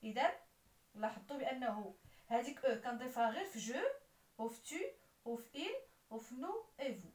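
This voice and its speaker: A woman's voice: fairly high pitch, lively intonation, brisk, pauses often, darkish tone. A woman with a Moroccan accent explaining French grammar as a teacher, spelling out letters and verb endings. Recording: roomy echo, voice somewhat far from the mic.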